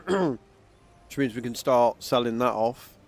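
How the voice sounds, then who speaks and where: A man hosting a gameplay livestream, talking casually and thinking aloud about his plans, coughing and clearing his throat now and then. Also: mid-range voice, expressive, slow pace. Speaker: livestream gaming host.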